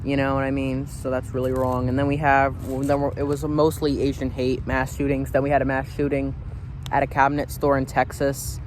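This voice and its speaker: A man's voice: medium pitch, monotone, a little fast, slight background noise. An American man giving a casual opinion monologue as a vlogger, informal and repetitive, often saying "you know.". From United States.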